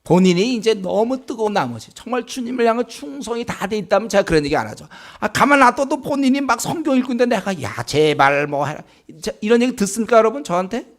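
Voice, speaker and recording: A male pastor preaching in a conversational way, asking the congregation rhetorical questions and acting out remarks in a slower, lower voice. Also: lively intonation. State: sore throat. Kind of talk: sermon. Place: church sanctuary.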